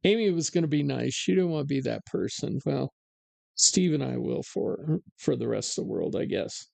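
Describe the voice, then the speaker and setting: A man's voice: mid-range voice, animated, moderate pace, creaky, darkish tone, no room sound. A man hosting a live-streamed talk show, chatting casually and ranting sarcastically with plenty of fillers. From United States. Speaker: podcast host.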